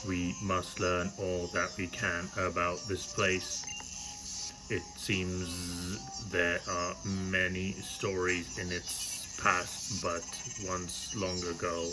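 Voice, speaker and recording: A man voicing a solemn, mysterious otherworldly scout in a video game, speaking slowly and gravely. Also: sits low, background noise, voice pushed down. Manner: slow, grave, hushed.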